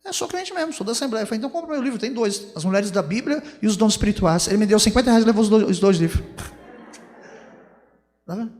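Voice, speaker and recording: A Brazilian man, a pastor, preaches with a strikingly high-pitched voice. He tells anecdotes before building to fervent preaching. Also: fast talker, pauses often, darkish tone, long reverb tail, soft background music. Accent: Brazilian Portuguese. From São Paulo, Brazil. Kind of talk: storytelling sermon.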